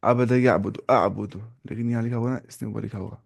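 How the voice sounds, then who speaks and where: A man teaching an Arabic grammar class, slowly repeating word forms and correcting himself as he goes. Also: lowish voice, steady tone, creaky. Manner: slow and repetitive, drilling word forms with self-corrections.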